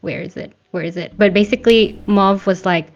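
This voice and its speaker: A young woman chats casually as a podcast co-host, laughing often and sliding between English and Indonesian. Her voice sits at a middle pitch. The stream audio is a little dull and lo-fi, with faint music underneath. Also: normal speed, vocal fry. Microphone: webcam stream setup.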